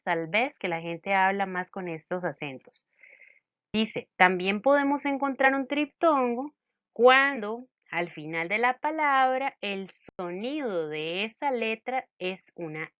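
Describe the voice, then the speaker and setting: A woman's voice: medium pitch, no echo. A woman teaching a grammar lesson, talking to her students with playful rhetorical questions. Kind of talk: explaining grammar in a recorded lesson. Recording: muffled, dry recording.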